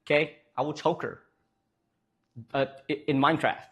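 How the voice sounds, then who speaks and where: Young male streamer, slightly high pitch; loose, joking, rambling chat with viewers. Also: level tone, moderate pace, slightly rough. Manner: joking, rambling with many fillers. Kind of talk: casual live-stream chat reading viewers.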